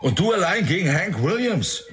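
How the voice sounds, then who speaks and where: An actor playing the detective's mocking sidekick friend in a radio drama. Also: male voice, high voice, very animated, moderate pace, a bit bright. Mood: teasing.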